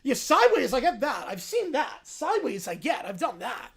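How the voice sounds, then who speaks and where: A woman giving casual livestream reaction commentary, excitable and mocking, often gleefully repeating phrases. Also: sits high, normal speed, vocal fry, husky. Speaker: livestream host reacting to videos.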